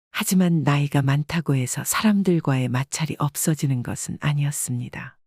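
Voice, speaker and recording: A storyteller giving a measured, scripted audiobook narration in an even delivery. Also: medium pitch, slightly rough, dry recording, clean studio sound.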